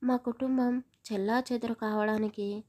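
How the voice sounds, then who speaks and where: A woman's voice: fairly high pitch, fairly even intonation, moderate pace, dark tone, natural voice. A woman voicing a stern, angry young village man who scolds harshly in a storybook.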